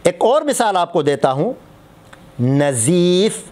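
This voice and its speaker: A man's voice: high voice, animated. A man, a mufti, giving a religious lesson on prayer recitation, explaining patiently and repeating example words to contrast them.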